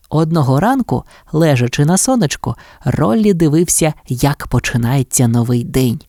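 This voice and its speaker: A low-voiced woman reading a children's fairy tale, expressive and gentle. Her pitch rises and falls freely through the story. The sound is close and dry. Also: dry recording. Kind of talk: children's audiobook narration.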